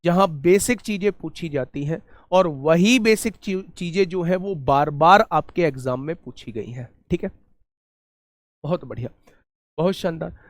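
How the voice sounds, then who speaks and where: A man's voice: a little high, unhurried, no room sound. A man teaching an online exam-prep maths lesson, explaining step by step and asking his students rhetorical questions.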